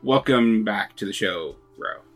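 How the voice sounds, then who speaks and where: A man's voice: fairly low pitch, animated, a little slow. A man hosting a podcast in an easygoing, joking manner. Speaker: podcast host. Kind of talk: casual podcast chat.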